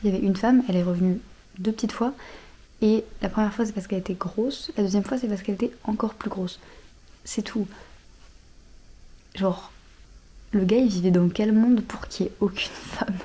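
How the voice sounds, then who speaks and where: Chatty young woman, mellow voice. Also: mid-range voice, moderate pace, pauses often. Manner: chatty, many fillers, drops to soft asides. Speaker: vlogger. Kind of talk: casual book vlog. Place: outdoors near road traffic.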